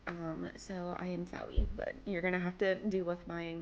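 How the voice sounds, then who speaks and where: A young woman describes her game build at a moderate pace, her fairly low voice level in tone, a little mellow, and slightly tired. The lo-fi desk-mic recording catches her casual, rambling chatter and self-deprecating humor.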